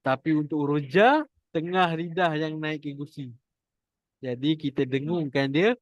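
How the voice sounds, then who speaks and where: Slow-speaking Malaysian Quran teacher. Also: male voice, on the high side, no echo, dull audio. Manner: demonstrates pronunciation slowly and repeatedly. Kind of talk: online class instruction.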